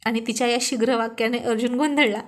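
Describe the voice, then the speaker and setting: A woman narrating a romantic storybook series in an expressive, gentle reading. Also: on the high side, quick pace.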